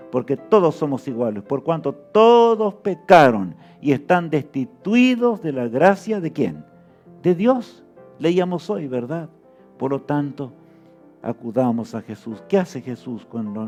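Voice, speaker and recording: A man delivering a fervent sermon in a slightly high voice. He keeps turning to his listeners with rhetorical questions. Soft music plays faintly behind him. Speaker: preacher.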